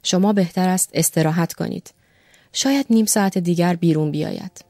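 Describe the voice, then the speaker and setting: A woman reading a calm, measured doctor. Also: fairly low pitch, vocal fry, no echo, studio quality.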